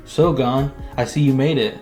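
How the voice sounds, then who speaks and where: A man's voice: medium pitch, normal speed, darkish tone, faint music behind, lightly acted. A man voicing a teasing, menacing male fighter in a spoken fan story.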